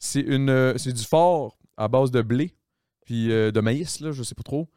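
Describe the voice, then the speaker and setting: Laid-back Québécois man, smooth voice. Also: medium pitch, darkish tone, no room sound, studio quality. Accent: Québécois French. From Quebec. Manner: storytelling, loose and slangy, quick laughs. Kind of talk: casual chat.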